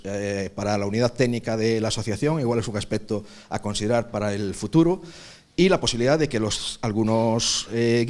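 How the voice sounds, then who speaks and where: A man from Galicia, answering questions at a workshop panel in a measured way, often pausing to find his words. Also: on the low side, a little mellow. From Galicia, Spain. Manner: measured, searching for words, frequent pauses. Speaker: workshop presenter, archaeological park director.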